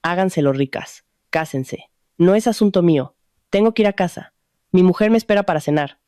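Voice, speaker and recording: A woman voicing a gruff, impatient middle-aged male taxi driver in a storybook reading, speaking bluntly. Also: fairly low pitch, lively intonation, a little fast, mellow, dry recording, studio quality, lightly acted. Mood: annoyed. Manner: blunt, irritated.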